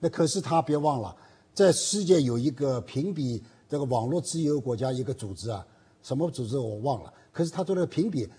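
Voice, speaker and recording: A man's voice: medium pitch, lively intonation, brisk, mellow, slightly rough. A man hosting a commentary show, leading the talk with questions and rebuttals. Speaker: host. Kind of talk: political commentary chat.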